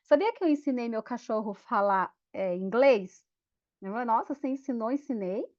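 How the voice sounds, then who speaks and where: High-pitched lady coaching teachers, acts out kids and classroom bits, muffled lo-fi audio. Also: moderate pace. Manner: lively, acts out classroom scenes in voices. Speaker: teacher trainer. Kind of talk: teacher training talk. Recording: dull lo-fi sound.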